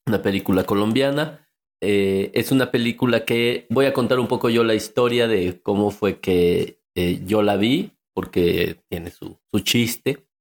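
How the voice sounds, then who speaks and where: Another co-host from Mexico City, this man talks unhurriedly in a lowish voice with vocal fry. Chatting casually on the podcast, he jokes and rambles, often interrupting himself to start sentences over.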